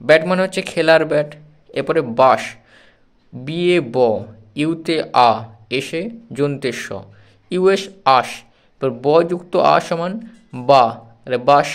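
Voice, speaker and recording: Patient man teaching letter sounds. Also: a little high. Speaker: English teacher. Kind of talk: phonics lesson for children.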